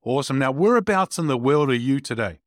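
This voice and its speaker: A man's voice: mid-range voice, lively intonation, fast talker, dry recording, studio quality. Enthusiastic male podcast host. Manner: enthusiastic, affirming. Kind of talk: casual interview hosting.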